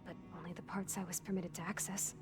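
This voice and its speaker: This is video game dialogue acting: a woman plays a nervous, defensive young clone, choosing precise, formal, clipped words. Her lowish, natural voice stays level and quick, and the mood is subdued and guarded, with background music.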